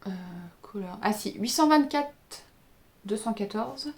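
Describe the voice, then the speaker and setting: A woman's voice: on the high side, a little slow. A woman hosting a knitting podcast, chatting casually at home, hesitant, with many fillers and self-corrections as she shows her yarn. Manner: shows yarn and socks to the camera. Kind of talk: casual chat. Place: indoor room by a window.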